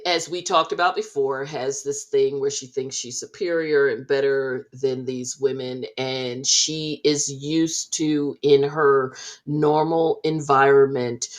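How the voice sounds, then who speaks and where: A woman co-hosting a podcast, recapping reality TV in unhurried, measured casual chat with frequent fillers. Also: deep voice. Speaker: podcast co-host.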